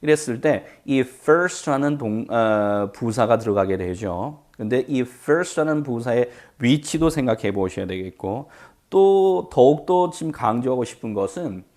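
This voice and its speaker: Middle-aged man, English teacher, brisk explanations, drawn-out example phrases. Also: mid-range voice, lively intonation, darkish tone. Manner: drills English phrases slowly, explains quickly in Korean. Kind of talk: language lesson.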